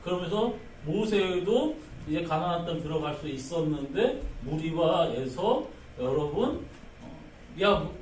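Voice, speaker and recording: A male pastor giving a playful, lively sermon in a church sanctuary, often asking the congregation questions. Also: on the high side, slow pace, slight background noise. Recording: roomy church sanctuary, distant mic.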